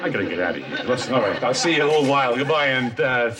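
Man playing a joking, hurried man. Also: mid-range voice, sing-song, a loud crowd, natural voice. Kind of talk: sitcom acting. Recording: loud background noise.

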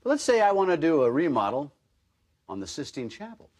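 A man's voice: on the high side, big pitch swings, fairly quick, a little mellow, slightly rough. An actor playing a middle-aged, wisecracking American TV handyman and family man in a sitcom. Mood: cocky, showy. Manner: wisecracking showman. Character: cocky, joking TV handyman host and family man. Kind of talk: sitcom acting. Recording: very noisy TV studio soundtrack.

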